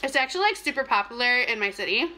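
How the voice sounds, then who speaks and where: A young woman talks casually to the camera while eating, telling things in an animated way between bites. Her voice is fairly high and very bright, with a sharp edge. There is clear noise behind her in a simple indoor recording. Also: quick pace, low-quality recording. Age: young adult. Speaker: mukbang vlogger. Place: small plain indoor room. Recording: clear background noise, clicks.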